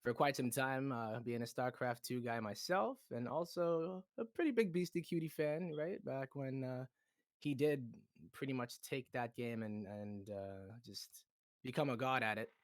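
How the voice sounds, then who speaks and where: An upbeat, chatty man hosting a casual livestream chat with a guest. He teases and talks easily, his voice at a middle pitch. The sound is dry and close, with no room around it. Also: measured pace, dry recording. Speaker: community host.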